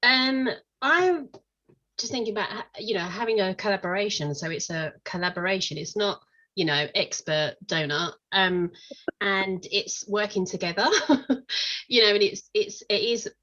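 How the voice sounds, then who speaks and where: A woman's voice: medium pitch, moderate pace, bright, forceful tone, dull audio. A woman coach talking in a casual panel discussion, thinking aloud with many fillers.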